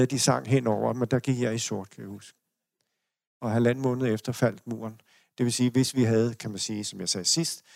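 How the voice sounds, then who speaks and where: Older Danish male lecturer, gravelly voice, meandering anecdotal delivery. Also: medium pitch, a little mellow, dry recording, clean studio sound. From Denmark. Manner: rambling anecdotal storytelling with restarts and chuckles. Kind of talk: personal storytelling lecture. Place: lecture hall.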